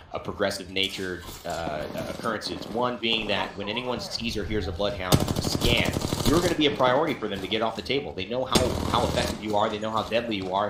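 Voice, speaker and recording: A man's voice: fairly low pitch, echoey room, very noisy. A man working as an esports caster, giving analytical live commentary on a match.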